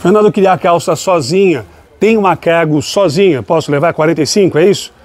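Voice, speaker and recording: A man's voice: a little high, quick pace, darkish tone. A man walking through an outdoor night market, chatting upbeat to viewers while filming on a handheld phone. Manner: upbeat, chatty, keeps addressing viewers as "gente". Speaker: shopping vlogger touring a street market. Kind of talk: walking market vlog with vendor chat. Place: outdoor night street market, busy city street. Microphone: handheld phone camera.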